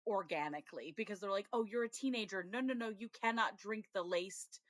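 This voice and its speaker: A woman co-hosts a casual TV review podcast, chatting about episodes, laughing often and acting out her own reactions. Her mid-range voice moves a little fast. The sound is dry and clean, studio-quality.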